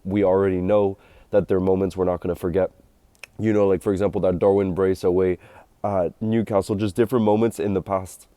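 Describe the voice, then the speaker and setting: Congested man with a low, mellow voice. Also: dry recording. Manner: chatty and rambling, low on energy. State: congested from a cold. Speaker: football vlogger. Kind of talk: casual talk to camera.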